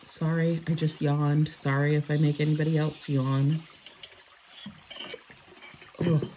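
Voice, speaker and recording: A woman's voice: low voice, level tone, takes it slowly, warm tone, a little hiss or hum. A woman chatting casually and rambling as she does her nails. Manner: chatty, rambling, self-correcting. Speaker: nail vlogger. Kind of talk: casual chat while doing nails.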